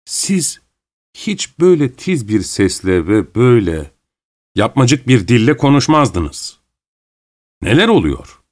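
A man reading an audiobook, voicing an irritable, suspicious middle-aged gentleman who talks bluntly and sharply. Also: medium pitch, very animated, slow pace.

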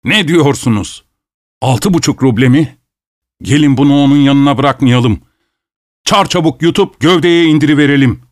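A man's voice: on the high side, moderate pace, no echo, studio quality, lightly acted. A man voicing a greedy, tactless male dinner guest with a boisterous, self-satisfied manner. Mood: smug.

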